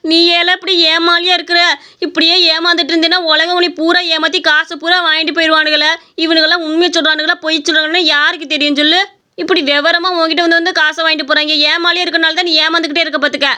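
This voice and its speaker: Woman as a middle-aged cartoon mother, high bright voice, fast nagging scolding. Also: flat delivery. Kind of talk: animated story voice acting.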